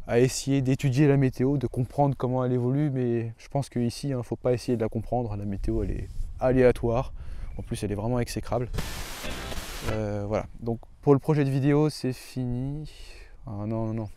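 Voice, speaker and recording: A man's voice: medium pitch, fairly even intonation, brisk, warm tone, slight background noise. A man talking to camera in a casual, enthusiastic astronomy travel vlog outdoors, with many fillers and restarts. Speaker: astronomy vlogger. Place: outdoors in a hilly valley.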